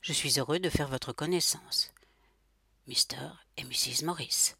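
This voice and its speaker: A woman voicing a cold, polite male robot salesman who speaks with calm, metallic confidence in a formal sales pitch. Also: unhurried, vocal fry, husky, no room sound, clean studio sound, heavily acted. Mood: coolly persuasive.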